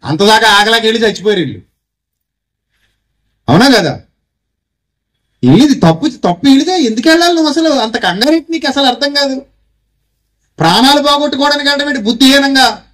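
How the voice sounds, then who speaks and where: A man's voice: very high-pitched, animated, fairly quick, pauses often, a bit bright. A man preaching a Christmas sermon with a Telugu accent, pressing his listeners with rhetorical questions and having them repeat lines after him. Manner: exhorting, calls congregation to repeat phrases. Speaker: pastor.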